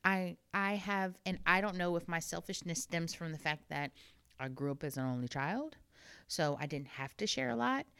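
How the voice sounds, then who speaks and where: A middle-aged woman with a slightly lower voice talks openly on a podcast. She pokes fun at herself and laughs easily. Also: normal speed, creaky, a bit bright, clean tone. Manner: candid, self-deprecating, laughs often. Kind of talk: casual chat.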